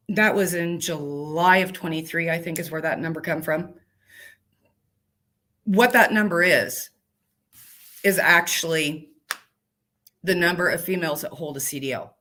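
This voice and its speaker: A woman's voice: on the low side, fairly bright tone. A woman truck driver talking as an interview guest, plainspoken and emphatic in a folksy, casual way.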